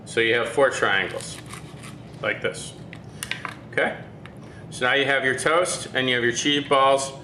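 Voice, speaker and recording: A man's voice: medium pitch, unhurried, pauses often, sharp tone, echoey room, a little hiss or hum. A man working as a chef, giving a step-by-step cooking demonstration and checking in with "okay?".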